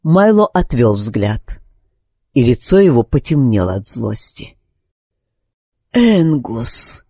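An audiobook narrator, a man with a mid-range voice, reads a novel aloud in expressive, measured scripted narration. The recording is dry and of studio quality.

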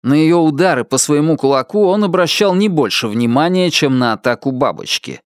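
A man narrating a dark thriller audiobook in a tense, vivid way. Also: a little high, expressive, brisk, dry recording, studio quality. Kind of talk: dramatic audiobook reading.

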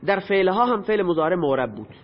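Man, teacher, high voice, patient lecture, reverberant hall, muffled audio. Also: big pitch swings. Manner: patient, asks and answers his own questions. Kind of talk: lecture explaining Arabic grammar. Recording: dull lo-fi audio with long reverb.

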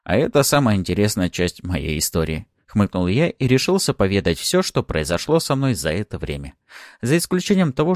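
Ironic, expressive male audiobook narrator. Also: deep voice, no room sound, clean studio sound. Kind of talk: first-person audiobook narration.

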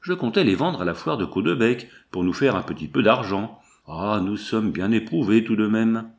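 A man voicing a middle-aged farmer who complains slowly and plaintively. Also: fairly low pitch, expressive. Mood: lamenting.

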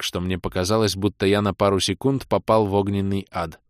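A man narrating a fantasy novel in the first person, with wry, lively storytelling. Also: lowish voice, dry recording, studio quality. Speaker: audiobook reader.

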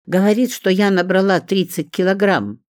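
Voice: normal speed, no echo, studio quality, natural voice. A reader voicing a self-pitying young mother who whines, shrieks and plays at tears. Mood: indignant whining. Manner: shrill, whiny, melodramatic.

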